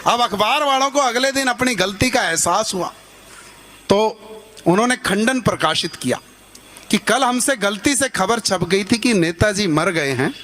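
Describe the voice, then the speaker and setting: A man's voice: sits high, animated, unhurried, pushed and bright. A man telling a joke with a dry, storytelling delivery. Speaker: comic storyteller.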